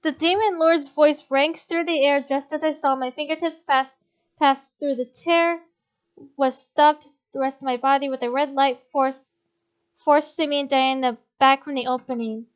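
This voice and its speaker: A young woman reading a visual novel aloud as a game streamer, expressive, with blunt swearing asides. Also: sits high, normal speed.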